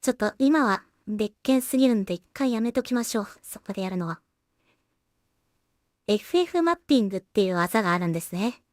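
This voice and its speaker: A woman who streams her solo animation work chats casually as she goes, murmuring short, trailing remarks partly to herself. Her mid-range voice is expressive, fairly quick, and a little mellow. The sound is clean studio audio without echo.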